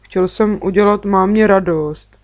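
A woman's voice: medium pitch, no echo, clean studio sound, lightly acted. A woman reading a storybook, voicing an anxious, tearful little boy who talks in sobs. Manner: sobbing, pleading.

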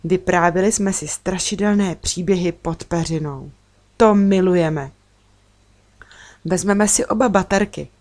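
Woman calmly reading a children's story. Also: on the low side. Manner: calm, measured storytelling. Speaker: narrator. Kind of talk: children's book read aloud.

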